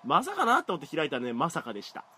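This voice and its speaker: A man's voice: a little high, wildly swooping pitch, quick pace. A young man hosting a podcast in casual chat, rambling and self-mocking with frequent laughs. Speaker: podcast host. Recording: loud background noise.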